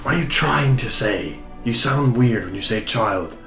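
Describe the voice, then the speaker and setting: A man's voice: mid-range voice, animated, a little slow, creaky, fairly bright tone, roomy sound, soft background music. A man playing a tabletop game, asking wry, probing questions in casual banter. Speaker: player.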